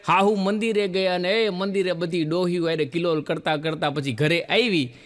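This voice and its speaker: On stage, a man with a Gujarati accent does stand-up, telling jokes as an animated storyteller who acts out the voices he quotes. His voice is high-pitched, with a big-room sound.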